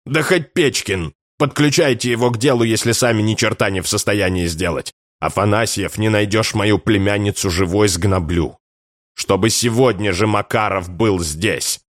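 A man voicing a gruff, domineering police lieutenant colonel who barks threats and orders. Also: fairly low pitch, animated, moderate pace, a bit bright, dry recording, clean studio sound, voice pushed up. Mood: angry, commanding.

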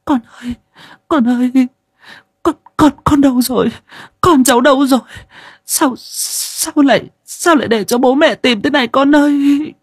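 A man's voice: moderate pace, no room sound, clean studio sound. A man voicing a distraught mother who sobs and stammers in a storybook reading. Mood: sobbing. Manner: shrill broken sobbing with stammered repeats. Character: grief-stricken mother, sobbing, distraught.

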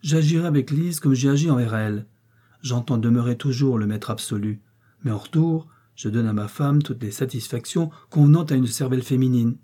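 A man reading an audiobook, voicing a domineering, coldly ironic prince with a dark, husky voice. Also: medium pitch, fairly quick, lightly acted. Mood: cold, commanding. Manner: commanding, cutting and sarcastic.

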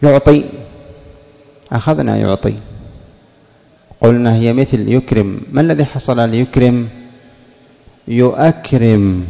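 A man, a sheikh, teaching a morphology lesson: he puts questions to students and answers them, stretching out example words slowly. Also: medium pitch, creaky, dark tone, long reverb tail. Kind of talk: classroom lesson explaining word roots.

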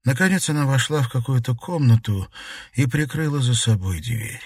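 A man reads a novel aloud in a measured, even way. His voice sits at an ordinary middle pitch. The recording is dry and close, with no room sound. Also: breathy edge, no room sound, recorded from a distance. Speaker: audiobook narrator. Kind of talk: scripted narration.

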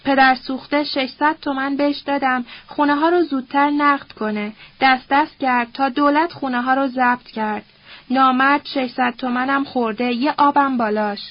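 A woman's voice: sits high, steady tone, dry recording, highs cut off. A woman voicing a bitter, scornful old nobleman who curses and quotes proverbs in a sneering, coarse, grumbling way.

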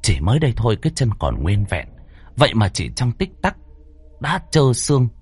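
A man narrating a ghost story from a script, with a dramatic, varied delivery and tense pauses. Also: mid-range voice, sing-song, a little mellow, a little hiss or hum.

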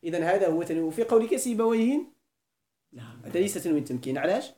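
A man's voice: sits high, very animated, rapid-fire, warm tone. A man with a Moroccan Arabic accent teaching a classroom grammar lesson, quizzing the students with frequent questions and repeating key points. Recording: echoey room.

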